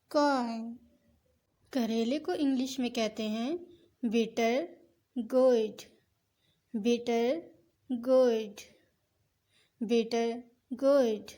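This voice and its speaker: A woman teaching vocabulary, saying each word slowly and carefully and repeating it several times. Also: sits high, darkish tone. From Pakistan. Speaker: language teacher. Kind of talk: vocabulary lesson with repeated words.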